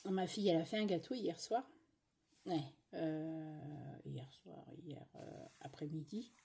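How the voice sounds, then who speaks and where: A woman's voice: sits low, a little slow, creaky, mellow, breathy edge. A middle-aged woman from France chatting casually while she stitches, grumbling and rambling with many fillers and asides, recorded at home. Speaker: cross-stitch vlogger.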